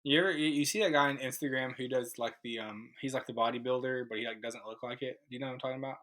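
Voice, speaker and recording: A man's voice: medium pitch, fairly even intonation, rapid-fire, fairly bright tone, rough recording. A young man hosting a casual podcast in a shared room, telling stories with lots of fillers. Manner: rambling storyteller, many fillers. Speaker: podcast host. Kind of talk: casual chat. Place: room, recording with cohosts.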